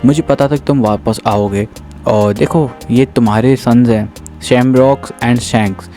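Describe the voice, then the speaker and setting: Casting note: affectionate, pleading young mother from a manga, read by a male narrator. Dark, mellow voice. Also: mid-range voice, steady tone, a little slow, soft background music, natural voice. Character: joyful young mother of twins.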